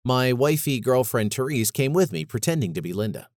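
A man's voice: mid-range voice, expressive, fairly quick, no room sound, clean studio sound, natural voice. A man reading a story and voicing a chatty middle-aged male author who rambles easily.

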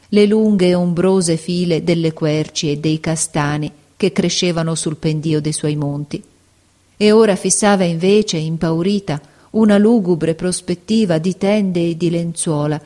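A woman reads a novel aloud as a narrator, measured and expressive. Her voice sits on the low side for a woman. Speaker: audiobook narrator. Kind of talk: scripted narration.

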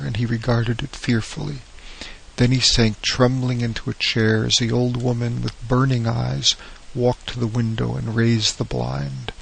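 A male narrator reading a classic horror story in a steady, even way. His voice is deeply gravelly and very husky, with a flat, level melody. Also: rough recording.

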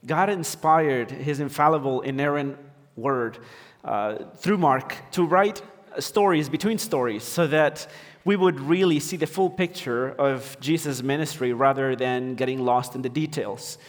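A man's voice: medium pitch, unhurried, big-room sound. A man from Ecuador preaching as a pastor, hesitant with many fillers and restarts. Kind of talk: sermon. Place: church sanctuary.

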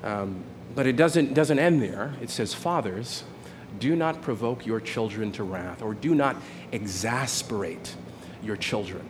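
A man's voice: lowish voice, measured pace, noisy background. A man in his forties preaching a sermon in a conversational way, often checking in with "right?" and restarting his phrases. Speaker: pastor.

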